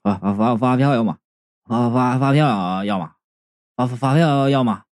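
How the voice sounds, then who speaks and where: A man voicing a stuttering ghost peddler who mumbles quietly and trips over his words. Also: medium pitch, very animated, slow, clear, resonant tone, no echo, studio quality, voice pushed down. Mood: furtive. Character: stammering ghost invoice peddler with holes in his belly.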